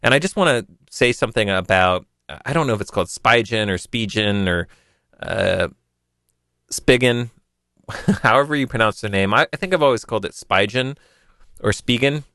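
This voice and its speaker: A man's voice: fairly low pitch, very animated, quick pace, creaky, pushed and bright, no echo, studio quality. A man hosting a podcast, chatting casually and rambling a little as he answers a listener. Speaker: podcast host. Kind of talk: casual tech podcast talk.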